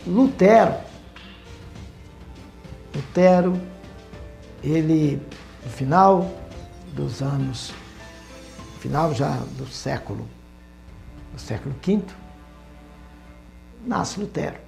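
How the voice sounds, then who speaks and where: A man with a Brazilian Portuguese accent giving a Bible study lesson, talking in an unhurried, hesitant way with fillers and restarts. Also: a little high, expressive, creaky, a little mellow, faint music behind. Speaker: Bible teacher.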